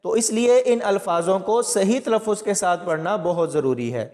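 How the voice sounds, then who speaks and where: High-voiced male teacher, echoing. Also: darkish tone. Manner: patient, methodical explaining to viewers. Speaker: Quran recitation teacher. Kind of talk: step-by-step tajweed lesson.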